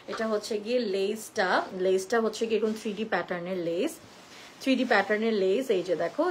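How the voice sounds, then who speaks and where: A woman's voice: mid-range voice, a little hiss or hum, poor audio. A woman in her thirties with a Bangladeshi accent, chatting casually as she shows clothes on a live stream and reads viewer comments, switching between Bengali and English. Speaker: live sale host.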